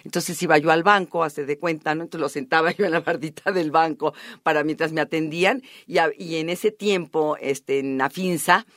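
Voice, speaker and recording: A woman's voice: deep voice, fairly even intonation, moderate pace, few pauses, dry recording, studio quality. A middle-aged woman with a Mexican accent, recalling family memories as a radio guest, full of fillers. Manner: warm storytelling, frequent fillers "este" and "esto". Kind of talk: reminiscing interview talk.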